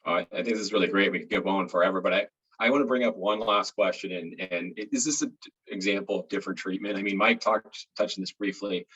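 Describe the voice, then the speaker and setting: Husky, fast-talking male moderator. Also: low-pitched, fairly bright tone, dull audio. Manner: casual, loose, hesitant questioning. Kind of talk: moderating an online panel.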